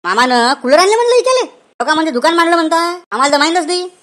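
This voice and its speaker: A broke village farmer in a cartoon who grumbles about money and the heat, voiced by a woman. High and quick-talking, with a Vidarbha Marathi accent. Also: lively intonation, a bit bright. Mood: puzzled. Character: puzzled broke village farmer Devlal, male. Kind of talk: cartoon comedy voice acting.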